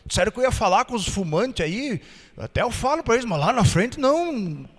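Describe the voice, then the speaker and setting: A man voicing a shy, burly countryman from Minas Gerais, a former smoker who speaks slowly and hesitantly with a Minas Gerais accent. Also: sits high, very animated, in a large hall. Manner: slow, hesitant, mumbling.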